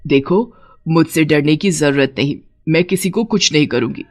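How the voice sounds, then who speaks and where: A woman voicing a lovesick female witch in a cartoon story, soft and coaxing in a lowered voice. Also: expressive, normal speed, faint music behind. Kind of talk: cartoon voice acting.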